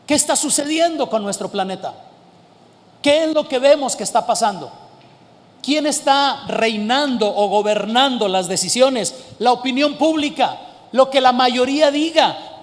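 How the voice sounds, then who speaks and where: A male pastor delivers a sermon in a high voice, with a long hall reverb behind him. He slows down to press key words and at times rises into emphatic shouts. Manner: preaching, rising to emphatic shouts and slowing for stress.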